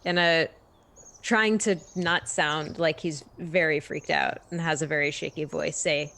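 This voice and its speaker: A woman with a somewhat low voice, taking part in a tabletop game. She narrates what her character does in the third person, in a chatty, casual way. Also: steady tone, measured pace, creaky, fairly bright tone, slight background noise. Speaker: player.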